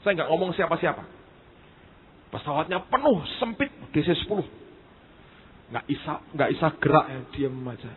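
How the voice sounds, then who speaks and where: A male pastor preaching in a storytelling sermon, talking conversationally, speaking straight to his listeners with dramatic pauses. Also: on the high side, expressive, slight background noise. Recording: tinny phone-like lo-fi recording.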